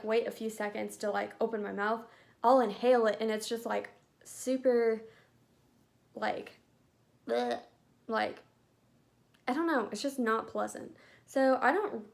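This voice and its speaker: A young woman chatting casually about makeup, rambling with lots of filler words. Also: on the high side. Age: young adult. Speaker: beauty vlogger. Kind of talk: casual chat.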